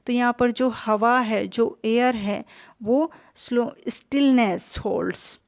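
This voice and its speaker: A woman, teaching a poem and explaining its meaning line by line, with frequent pauses and fillers. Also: on the high side, darkish tone. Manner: slow, hesitant explaining with fillers, mixing English terms into Hindi. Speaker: English literature teacher.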